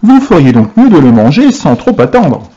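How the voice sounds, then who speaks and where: A clever candy maker, as a man reading a storybook puts him on speaks in a calm, matter-of-fact way. His voice is mellow, and the recording is dull. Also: on the high side, moderate pace, husky, full character voice. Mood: warning.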